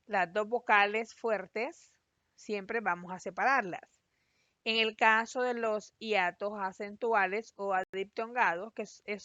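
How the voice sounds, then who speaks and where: A woman teacher giving a recorded class, explaining patiently and spelling out syllables slowly. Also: medium pitch, sharp tone, dry recording. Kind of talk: recorded online class lesson. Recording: dry, slightly dull lo-fi voice-over.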